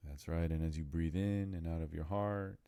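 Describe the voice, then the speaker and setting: A man guides a meditation in an extremely low, mellow, resonant voice that is clear and steady. He uses soothing, measured phrases with deliberate pauses, and the recording is dry and close with no echo.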